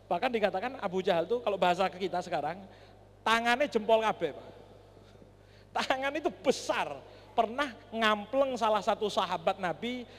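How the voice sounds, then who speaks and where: A high-voiced man preaching in a storytelling way, animated and speaking to the audience directly. His voice carries through a large mosque, and a long reverb hangs after each phrase. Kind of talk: storytelling sermon. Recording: echoey mosque hall.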